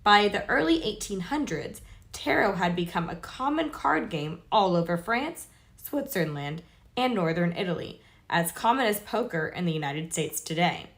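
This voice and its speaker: A woman with a lowish, expressive voice reads to her stream audience at a normal pace. The tone is loose and sweary, with stumbles over long words and frequent chatty tangents.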